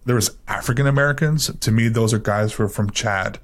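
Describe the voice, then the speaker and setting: A young man from Miami talks in a casual podcast chat with a fairly low voice. He rambles through his stories and leans on filler words as he goes. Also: fairly quick. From Miami, Florida. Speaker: podcast co-host.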